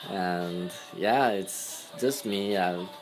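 A young Frenchman with a French accent, a podcast guest, speaks English as a second language in casual conversation, hesitant and searching for words. His voice is low-pitched and very slow, over soft background music.

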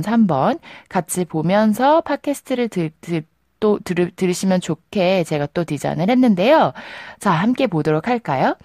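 생기 있는 억양의 여자 영어 강사. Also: female voice, lowish voice, a little mellow, dry recording. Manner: slow, clear drilling of English phrases. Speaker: English teacher. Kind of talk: podcast language lesson.

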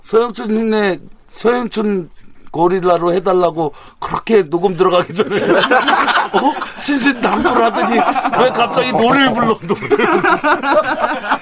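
A man's voice: high voice, lively intonation, unhurried. A man hosting an improvised comedy sketch as the teacher, teasing and interjecting as he banters. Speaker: comedy host playing class teacher. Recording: loud crowd noise behind.

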